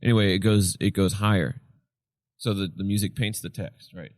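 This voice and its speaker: Deep-voiced man explaining, tired voice. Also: steady tone, moderate pace, dry recording, clean studio sound. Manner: explains at length, sings snippets of chant to illustrate. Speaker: podcast co-host. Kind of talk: casual chat.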